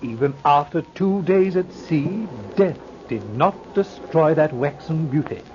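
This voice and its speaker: An actor playing a courteous, matter-of-fact ship's captain in an old-time radio drama, speaking politely and formally. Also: male voice, on the high side, expressive, a little slow. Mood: grave. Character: courteous, matter-of-fact male ship's captain presiding over grim discovery. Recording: muffled, very noisy old radio recording.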